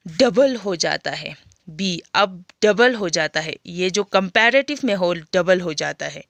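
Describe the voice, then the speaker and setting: Slow, dry-voiced Indian woman teaching. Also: mid-range voice, fairly bright tone, dry recording. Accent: Indian English. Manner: explains step by step, often checking "clear?". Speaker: school English teacher. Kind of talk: classroom grammar lesson.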